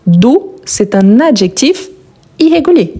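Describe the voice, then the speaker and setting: A woman's voice: fairly high pitch, big pitch swings, slow, warm tone, slightly rough. A woman teaching a live online French lesson, patiently repeating each word and praising her students' answers. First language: Portuguese.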